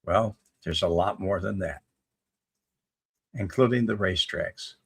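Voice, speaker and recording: A man's voice: sits low, measured pace, gravelly, slightly rough. A man in his seventies hosting a casual live chat, reading viewer comments aloud and answering them in a rambling, folksy way. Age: 70s. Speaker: livestream host answering chat.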